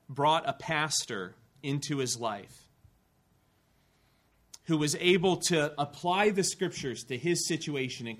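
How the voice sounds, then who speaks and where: Man preaching an earnest sermon. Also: medium pitch. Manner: earnest storytelling with rising emphasis and dry asides. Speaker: pastor. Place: church.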